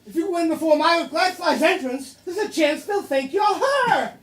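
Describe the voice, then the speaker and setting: A woman's voice: very high-pitched, lively intonation, moderate pace. A woman playing a bossy scheming friend. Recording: distant roomy stage recording.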